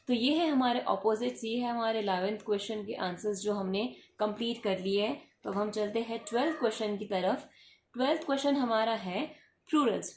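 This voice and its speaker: A woman's voice: fairly high pitch, darkish tone. A woman teaching a worksheet lesson, explaining English words patiently and spelling them out letter by letter. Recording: echoey room with faint background hum.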